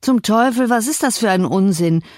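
A woman voicing a rough, illiterate young farmhand in an audiobook, speaking gruffly and bluntly. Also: on the low side, fairly even intonation, moderate pace, dry recording, studio quality, lightly acted. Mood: surly.

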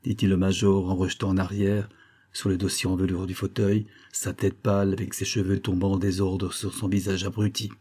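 A man reading a classic novel aloud in a measured, dramatic narration. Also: low-pitched, little pitch movement, dark tone, husky. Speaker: audiobook reader.

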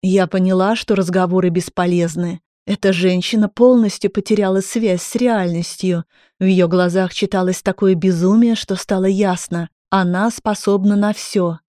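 A woman narrating a dramatic first-person audiobook story in a steady voice. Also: mid-range voice, moderate pace, no room sound, studio quality.

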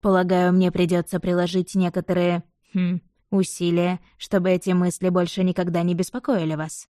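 A woman voicing a stern aristocratic male count who speaks slowly, coldly and with clipped menace in an audiobook reading. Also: on the low side, level tone, warm tone, no room sound, studio quality, lightly acted. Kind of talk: audiobook narration.

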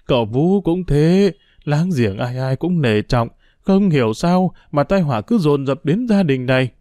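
A man's voice: mid-range voice, very animated, brisk, dark tone, dry recording, studio quality, lightly acted. A man voicing a distraught middle-aged female servant who wails and cries out in an audiobook. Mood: tearful. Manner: wailing, crying out.

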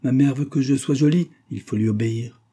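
A man's voice: mid-range voice, fairly quick, dark tone, breathy edge, pitched above the performer's own voice, close to an everyday voice. A man voicing a desperate young noblewoman. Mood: pleading. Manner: pleading, tense.

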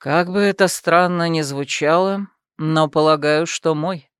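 A woman voicing a cold, authoritative man, a judge, speaking low, quiet and measured in an audiobook. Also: clear, resonant tone, dry recording, studio quality. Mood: puzzled.

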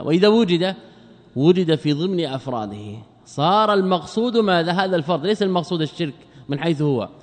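A man lectures fast on a religious text in the role of sheikh, quizzing his students and answering his own questions. A long reverb tail follows his fairly high voice.

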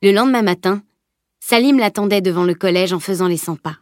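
A woman narrating a youth novel audiobook in a calm, even storytelling manner. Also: mid-range voice, brisk, soft background music. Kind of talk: scripted narration. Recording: dry close audiobook recording.

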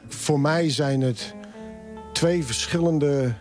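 A man's voice: fairly high pitch, slow pace, over loud music. A man in his sixties, an assistant football coach, talking casually and thoughtfully in a radio interview. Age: 60s. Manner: relaxed, thoughtful, frequent hesitations.

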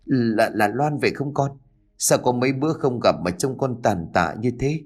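A man's voice: mid-range voice, lively intonation, normal speed, darkish tone, close to an everyday voice. A man reading a concerned old neighbor woman. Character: kindly older neighbor woman.

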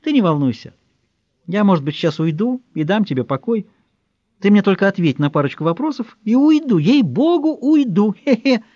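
A man's voice: high voice, sing-song, normal speed, warm tone, dry recording, dull audio, voice pushed up. A man voicing a cruel, mocking male intruder with a hissing, taunting manner in an audiobook. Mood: mock-soothing. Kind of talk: audiobook character voice.

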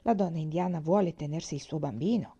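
A woman reading aloud and voicing a stern, quiet pioneer father who speaks in short, hushed lines. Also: low voice, quick pace, slightly rough, lo-fi sound.

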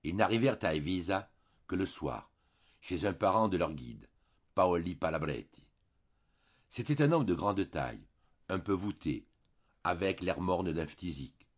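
A man reading a classic novel aloud as an audiobook narrator, measured and expressive. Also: sits low, husky, muffled recording. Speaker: audiobook reader.

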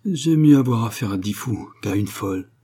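Blunt asylum guard voiced by a man, scornful, gruff, low, husky. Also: lively intonation, moderate pace, dark tone.

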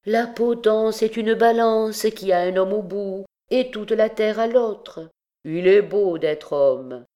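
A woman's voice: medium pitch, takes it slowly, voice pushed up, natural voice. A woman reading an audiobook, voicing a brash, mocking young male student who pleads and jokes theatrically. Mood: defiant. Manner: pleading then cheeky, loud and theatrical. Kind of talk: audiobook reading of a classic novel.

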